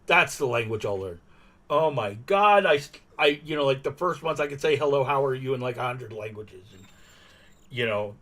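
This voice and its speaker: A language-learning live streamer with a mid-range, fairly bright voice chats animatedly at normal speed, telling anecdotes. He acts out quotes from himself and others and keeps checking in with the listener through frequent "right?" tags.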